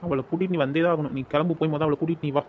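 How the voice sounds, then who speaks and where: A man's voice: fairly high pitch, steady tone, narrow, tinny audio, a little hiss or hum, close to an everyday voice. A man voicing a brash, pushy young village man in a cartoon, ordering people about. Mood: bossy. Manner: bossy, rapid-fire demands. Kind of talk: dubbed cartoon dialogue.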